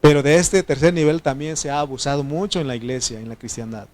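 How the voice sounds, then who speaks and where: A man's voice: a little high, fast, darkish tone. A man preaching a sermon, teaching the congregation and checking in with frequent questions. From Mexico. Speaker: pastor.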